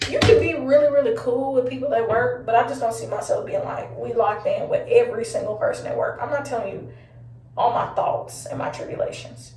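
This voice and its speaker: A young woman telling a casual storytime to her viewers, animated and chatty, talking to them as y'all with frequent laughs. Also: fairly high pitch, recorded from a distance. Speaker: vlogger. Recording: roomy echo, voice off-mic.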